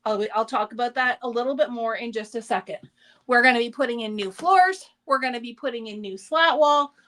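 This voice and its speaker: A woman with a high, bright-sounding voice hosts a craft shop's live show. She chats in a casual, upbeat way and teases a little as she talks through products and store dates. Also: a little fast. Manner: chatty, upbeat, teasing. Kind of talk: casual livestream product chat.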